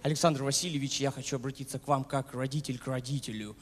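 A young man playing a gracious British queen, making a formal, measured comedy speech into a handheld mic. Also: mid-range voice, steady tone, natural voice. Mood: regal, sly. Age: young adult. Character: gracious female British queen in comic drag. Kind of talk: live sketch comedy speech. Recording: echoing hall, noisy crowd.

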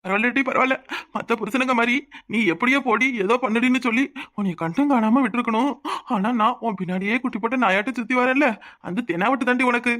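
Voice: medium pitch, quick pace, a bit bright, close to an everyday voice. A performer voicing a boastful, doting young village husband and strong laborer in a cartoon, speaking with a southern Tamil accent in a swaggering, playful, protective way. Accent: southern Tamil (Tirunelveli). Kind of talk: cartoon voice acting.

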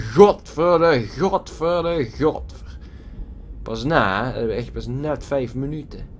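A man's voice: on the high side, darkish tone, a little hiss or hum. A man giving casual gameplay commentary at his computer, swearing a lot with exaggerated frustration. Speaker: gaming YouTuber. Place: at a computer desk with a loud keyboard. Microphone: desk microphone.

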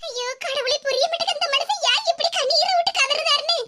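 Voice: extremely high pitch, fast talker, very noisy. A voice actor playing a worried middle-aged cartoon wife and mother in Kanyakumari Tamil, who coaxes and frets aloud. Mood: pleading. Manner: coaxing, repeats pleas, frets aloud to herself. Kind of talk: cartoon comedy voice acting.

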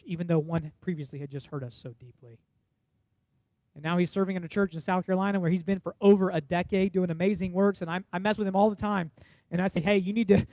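A male pastor preaching a sermon, rising loud for emphasis and dropping soft and hushed for stories. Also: high-pitched, dry recording, rough recording.

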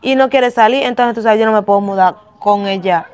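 A woman's voice: mid-range voice, fairly quick, darkish tone, natural voice. A woman playing a friendly, chatty woman looking for a house to rent. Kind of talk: amateur drama acting.

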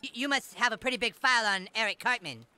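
Bratty cartoon boy, nasal, bright and pushy. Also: extremely high pitch, fast, clear, resonant tone, no echo, faint music behind, exaggerated voice. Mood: scheming. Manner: nasal, whiny, bossy. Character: bratty scheming fat boy, self-important and whiny. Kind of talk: cartoon voice acting.

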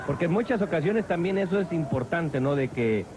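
A man's voice: fairly high pitch, animated, fairly quick, noisy background. A man with a Mexican accent giving live play-by-play as a wrestling commentator.

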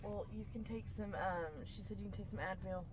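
A woman's voice: medium pitch, steady tone, brisk. A woman in casual conversation as she looks after her passenger inside a car. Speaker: companion driving a patient home. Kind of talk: casual chat. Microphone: phone in the car, speaker off camera. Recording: loud car noise, phone recording.

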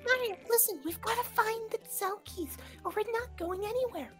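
A woman voicing a squeaky, earnest, excitable young bug creature like a Christmas elf in video game dialogue. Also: normal speed. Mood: excited, urgent. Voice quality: squeaky, childlike. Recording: game music behind the voice.

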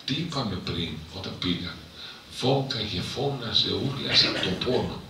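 A male priest tells a moving story to a live audience, his bright, forceful voice rising into impassioned emphasis. He sounds far from the microphone in a very echoey hall with faint background noise. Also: lowish voice, lively intonation, gravelly. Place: cultural centre hall.

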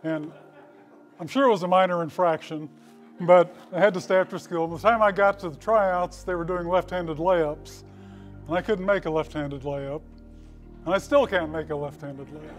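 A man in his sixties, nearing seventy, accepts a hall of fame honor at a podium microphone in a brick-walled school hall. His voice is slightly high and moderately paced, and he tells old stories in a folksy way with dry humor. Faint music plays behind him.

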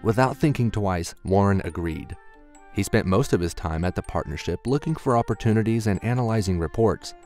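A man narrates a documentary in a measured, explanatory way, his voice sitting on the low side. Background music plays clearly under him. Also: expressive, a little mellow. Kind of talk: scripted narration.

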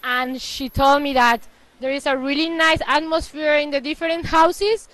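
A woman's voice: high-pitched, steady tone, normal speed, fairly bright tone, dry recording, poor audio. A young woman from the Basque Country in Spain, answering interview questions casually on a handheld mic indoors. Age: young adult. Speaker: staff member interviewed. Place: indoor hostel reception.

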